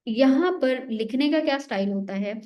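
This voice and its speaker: A woman's voice: high voice, normal speed, lo-fi sound. A young woman lecturing on essay writing for an exam-prep course. She explains step by step and often asks a question and then answers it herself. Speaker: teacher.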